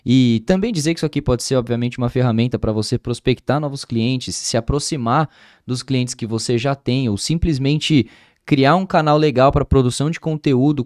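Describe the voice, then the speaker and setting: A man with a Brazilian Portuguese accent hosting a podcast in a studio, chatting in long, relaxed, winding sentences. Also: mid-range voice, dry recording. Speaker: podcast host. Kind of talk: casual interview chat.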